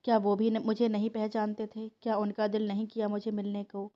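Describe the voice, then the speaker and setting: A woman's voice: mid-range voice, completely flat delivery, fairly quick, muffled recording, natural voice. A woman voicing a tearful young man who has found his lost family, in a storybook reading. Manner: tearful, pleading.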